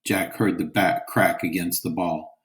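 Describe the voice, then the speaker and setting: A man reading a children's chapter book aloud, with slow, clear storytelling. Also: deep voice, steady tone.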